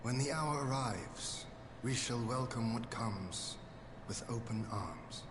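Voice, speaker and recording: A noble young warrior lord, formal speech. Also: male voice, medium pitch, lively intonation. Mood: solemn, tender. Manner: formal, archaic, measured phrasing. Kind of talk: dramatic game cutscene acting. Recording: game audio with clear background noise.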